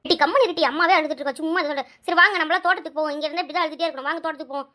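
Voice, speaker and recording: A woman voicing a worried village mother of two who talks in a brisk, chatty, bossy way. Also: high-pitched, pushed and bright.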